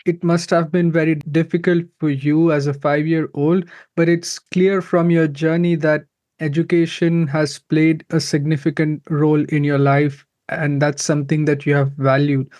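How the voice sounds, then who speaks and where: A man hosts an interview show in an upbeat, polished presenter's voice. His pitch sits a little high for a man. He reads a scripted introduction, then moves into friendly questions. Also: little pitch movement, normal speed, a little mellow. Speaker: podcast host.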